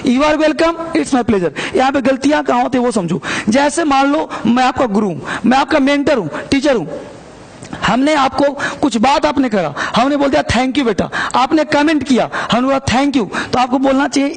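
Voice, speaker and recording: A man's voice: very high voice, animated, moderate pace, gravelly. A man teaching spoken English phrases in a lesson, explaining patiently and repeating key phrases for practice. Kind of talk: Hindi-language English lesson.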